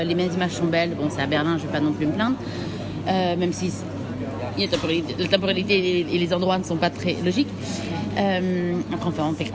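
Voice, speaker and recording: Woman, hesitant, amid a busy crowd. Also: on the low side. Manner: hesitant, repeating phrases. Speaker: podcast panelist. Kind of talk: casual film discussion. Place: waiting in a cinema queue. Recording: busy crowd and traffic behind.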